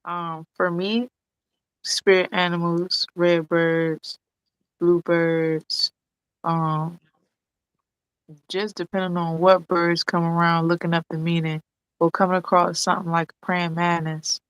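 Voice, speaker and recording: A woman co-hosting a casual podcast chat, talking in a relaxed, slangy way with bursts of animated emphasis. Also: lowish voice, slow pace, smooth, dry recording, rough recording. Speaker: co-host.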